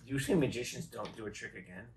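In a small, dark room, a middle-aged man co-hosting a magic show talks his way through a card trick with chatty patter and playful tangents. His voice is medium-pitched, fast, and darkish, and he sounds far off, since the phone camera sits back from the table.

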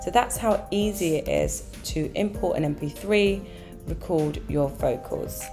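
A woman with a slightly low, hoarse voice talks through a music production tutorial in a relaxed, step-by-step way. She adds little fillers as she goes. Faint music plays underneath. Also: a little slow. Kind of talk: software tutorial.

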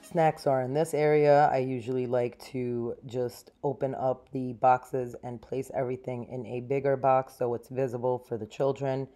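A woman in her thirties talks through her housework in a clean-with-me vlog, upbeat and matter-of-fact as she explains each step. Her voice sits unusually deep for a woman. Soft music plays faintly under her words in a small home. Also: little pitch movement, moderate pace, few pauses. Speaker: cleaning vlogger. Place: small home, living room and pantry.

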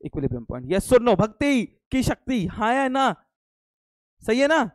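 A man's voice: very high voice, sing-song, moderate pace, no room sound. A young man teaching an online commerce class live, playful and teasing, quizzing students and answering his own questions, slipping English phrases into his talk. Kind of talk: live online lecture with jokes.

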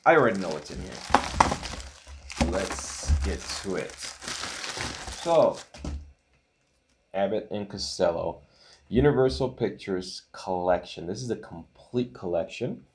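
A man in his thirties hosting a casual unboxing vlog, reading titles off with small relaxed asides. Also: low voice, slow, long pauses, noisy background. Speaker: channel host unboxing a disc set.

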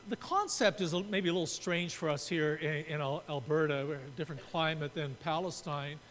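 A Canadian pastor in his sixties preaches a sermon from the pulpit of a church sanctuary, gesturing as he explains his points. He speaks fairly quickly in a fairly bright tone, picked up by the pulpit mic in a reverberant room with a faint rumble.

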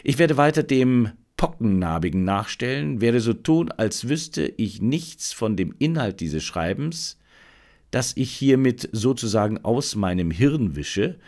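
A man's voice: medium pitch, lively intonation, measured pace, a little mellow. A male audiobook narrator voicing an intense, fired-up male detective who lectures his assistant urgently.

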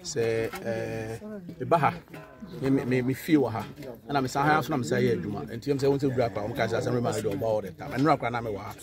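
A man with a Ghanaian accent, a local assemblyman speaking outdoors to reporters, animated and mixing Twi with English. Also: mid-range voice, fast talker. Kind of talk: public address to reporters. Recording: crowd noise outdoors.

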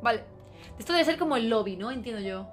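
A young woman with a Spain Spanish accent giving live gameplay commentary, excitable and exclamatory, swearing often. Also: on the high side, fast talker. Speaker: game streamer. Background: faint game music.

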